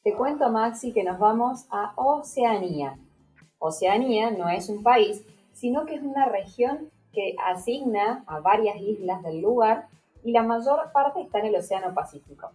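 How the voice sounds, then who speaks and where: An Argentine woman co-hosts a casual radio show in a relaxed, dark-toned voice. She is conversational and playful, talking straight to her partner over soft background music. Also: fairly high pitch, normal speed, rough recording. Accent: Argentine, Córdoba. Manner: conversational, playful, addresses co-host directly. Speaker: radio co-host. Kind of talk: casual radio chat and presenting.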